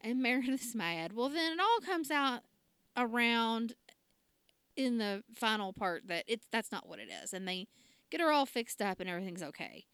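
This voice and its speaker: In a dry, clean-sounding recording, a woman with a fairly high, fairly bright and expressive voice talks at normal speed. She's a podcast co-host casually recapping a TV drama episode, chatty, laughing often and acting out quotes.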